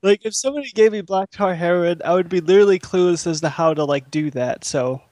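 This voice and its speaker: A man chatting casually on a podcast, laughing often and talking haltingly with lots of fillers. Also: high-pitched, a little mellow, no echo. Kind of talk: casual chat.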